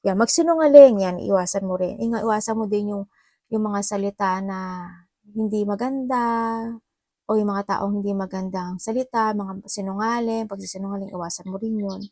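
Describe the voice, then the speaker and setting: A woman from the Philippines giving a casual tarot reading, chatty and laughing often, her voice a little hoarse. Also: medium pitch, moderate pace, mellow, dry recording, clean studio sound. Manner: chatty, mixes Tagalog and English, laughs often. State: slightly hoarse voice. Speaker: tarot reader.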